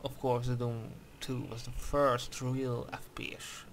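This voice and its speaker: This is gameplay commentary and review voiced over the footage by a Hungarian man. His mid-range voice barely moves in pitch and stays unhurried as he picks his way through careful, accented English with frequent fillers and restarts. Slight background noise can be heard.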